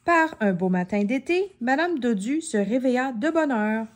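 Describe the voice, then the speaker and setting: A woman reads a children's story aloud with a lively, swooping voice that sits a little high. She turns to the child listening and asks questions. Her telling is bright and expressive. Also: moderate pace.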